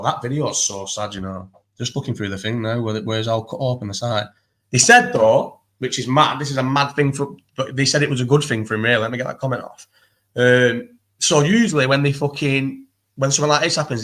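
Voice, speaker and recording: A man chatting casually as a guest, talking fast in a rambling way, swearing a lot and restarting his sentences. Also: medium pitch, fairly even intonation, a bit bright. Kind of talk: casual chat.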